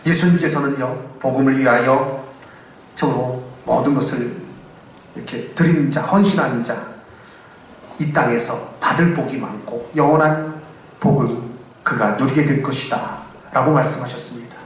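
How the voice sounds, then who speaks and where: A man preaching a sermon as pastor, swinging between loud emphatic declarations and quiet low asides in a solemn, exhorting cadence. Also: normal speed, slight background noise. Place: church sanctuary. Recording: very echoey hall, mic far off.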